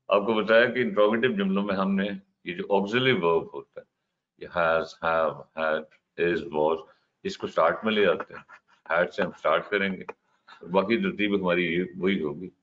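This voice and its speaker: A man's voice: sits low, fairly even intonation. A man teaching an English grammar lesson, explaining step by step and putting questions to his class. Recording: dull, slightly noisy lo-fi recording.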